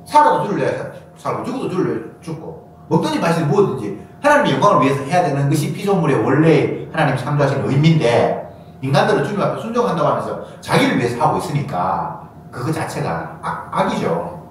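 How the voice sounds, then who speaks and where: A man preaching a sermon, his voice sitting a little high and swinging widely as he acts out quoted lines. He is heard from some way off the mic, in a church sanctuary full of echo with a faint noise underneath. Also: sing-song, quick pace. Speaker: pastor. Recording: echoey church hall from far off, faint noise.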